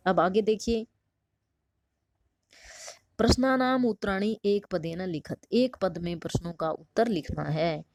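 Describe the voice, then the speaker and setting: A woman's voice: mid-range voice, a little slow, pauses often, darkish tone. A woman teacher patiently explaining a textbook lesson, asking questions and answering them herself. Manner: patient, asks and answers her own questions.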